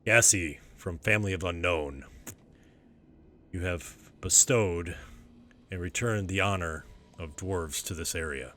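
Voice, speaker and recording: A man as game master voicing the booming voice of an unseen dwarven god, who asks slow, solemn, commanding questions. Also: bright, forceful tone, slight background noise.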